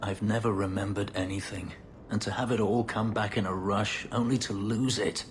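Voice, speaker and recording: Playing a guarded, haunted elf warrior who was once a slave, an actor delivers anguished video game lines with measured, formal restraint. His male voice is lowish and steady, close to an everyday speaking voice, with a little hiss or hum in the recording.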